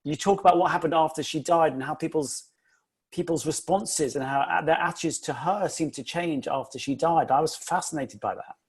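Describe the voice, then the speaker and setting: A man with a slightly husky, higher-than-average voice, speaking as an author on a discussion panel. He talks thoughtfully and conversationally, with plenty of "uh" and "you know" asides. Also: moderate pace. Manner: thoughtful, with frequent fillers and asides. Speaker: author discussing his family history book.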